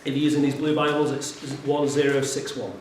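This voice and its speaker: A man working with young people, giving a lively talk and telling a Bible story with animation. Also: a little high, brisk, a little hiss or hum. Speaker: youth worker speaker. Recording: roomy echo from a distant mic.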